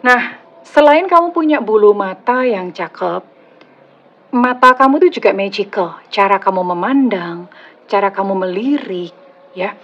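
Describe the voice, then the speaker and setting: Indonesian woman tarot reader, slightly husky, chatty and teasing, casual one-to-camera reading, a bit lo-fi. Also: medium pitch, lively intonation, a little slow, a bit bright. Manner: chatty, teasing, laughs at own jokes. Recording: slightly dull lo-fi audio.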